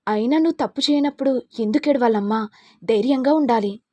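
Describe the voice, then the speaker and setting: A woman voicing a calm elder woman who gently advises and encourages a younger one. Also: a little high, brisk, no room sound, lightly acted.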